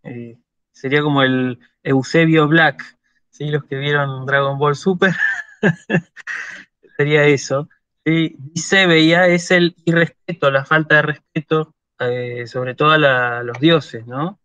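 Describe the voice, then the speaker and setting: A man's voice: a little high, fairly even intonation, unhurried, pushed and bright, smooth, no echo. A man with an Argentine Spanish accent giving an online university lecture, patiently checking in with his students as he explains. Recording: dull lo-fi dry sound.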